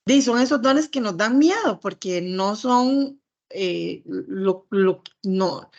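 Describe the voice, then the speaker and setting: A woman teaching a church ministry class, explaining in a measured, reflective way with some hesitant restarts. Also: mid-range voice, lively intonation, vocal fry, a little mellow, highs cut off.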